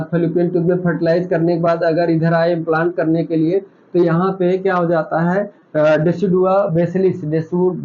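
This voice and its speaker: A man's voice: a little high, phone-quality sound. A man teaching a nursing class, who asks his own questions, answers them and repeats the key terms for his students. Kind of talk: classroom lecture.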